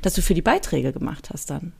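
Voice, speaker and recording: A woman's voice: deep voice, very animated, fairly quick, creaky, a little mellow, breathy edge. A woman hosting a podcast, asking eager questions in a casual interview with fillers. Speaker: podcast host.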